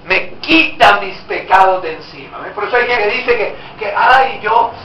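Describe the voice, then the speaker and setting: A man's voice: sits high, lively intonation, moderate pace, pushed and bright, a little hiss or hum. A man preaching a sermon as pastor, emphatic and often asking the congregation rhetorical questions. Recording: echoey room.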